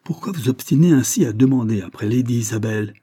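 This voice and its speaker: A man's voice: medium pitch, moderate pace, mellow, husky, voice pushed up, lightly acted. A man voicing an old, loyal butler who speaks urgently and pleadingly. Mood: indignant. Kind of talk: audiobook character voice.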